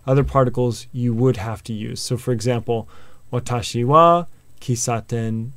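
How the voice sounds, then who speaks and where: A man teaching a video lesson, patiently explaining with examples and memory tricks, often pausing on filler sounds. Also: mid-range voice, fairly bright tone, no room sound. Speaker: language teacher.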